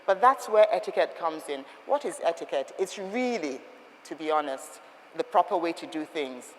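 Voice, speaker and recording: Woman, etiquette trainer; firm, emphatic, questioning delivery, expressive pitch, roomy hall sound. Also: moderate pace, slight background noise. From Nigeria. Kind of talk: instructive talk to a group. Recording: long reverb of a hall.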